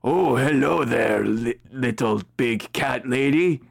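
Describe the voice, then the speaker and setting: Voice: mid-range voice, takes it slowly, vocal fry, dry recording, clean studio sound, voice pushed down, heavily acted. A game master voicing a pushy candy-seller woman in a tabletop game, with sly, teasing sales talk. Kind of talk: tabletop role-play voice.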